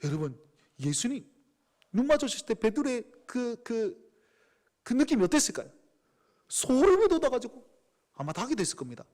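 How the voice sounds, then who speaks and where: A male pastor with a Gyeongsang accent preaching a sermon in an animated storytelling manner. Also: very high voice, normal speed, long pauses. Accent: Gyeongsang Korean. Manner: animated storytelling with acted quotes.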